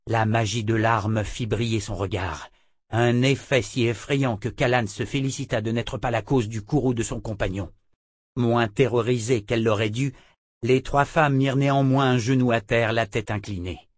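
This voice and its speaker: A man narrating a fantasy novel in a steady, measured storytelling voice. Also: medium pitch, no room sound. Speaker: audiobook narrator. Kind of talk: scripted narration. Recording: dry close mic.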